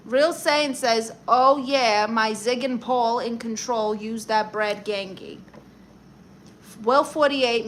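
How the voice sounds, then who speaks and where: On the high side and sharp in tone, this young woman's Brooklyn-accented voice carries a brassy, sassy attitude. She runs a livestream, reading viewer comments and snapping back with quick advice and comebacks over a faint hiss or hum.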